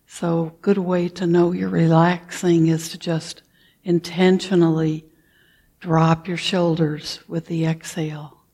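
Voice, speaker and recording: A woman leading a guided meditation, talking softly and calmly, with frequent throat clearing. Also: lowish voice. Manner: slow, soft-spoken and calm, with frequent throat clearing. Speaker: meditation teacher.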